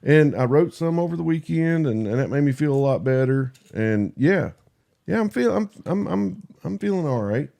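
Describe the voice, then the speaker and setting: A man with a country drawl talks candidly and casually, halting and repeating himself, putting himself down and swearing easily. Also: on the high side, expressive, vocal fry, warm tone. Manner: halting and repetitive, self-deprecating, swears casually. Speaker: podcast guest and YouTube creator.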